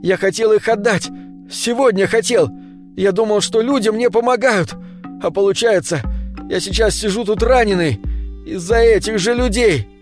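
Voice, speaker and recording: A man reading an audiobook, voicing a wounded man who shouts through his tears and defends himself. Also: sits high, normal speed, soft background music, pitched above the performer's own voice, lightly acted. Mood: anguished shouting. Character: wounded desperate man, crying and defiant.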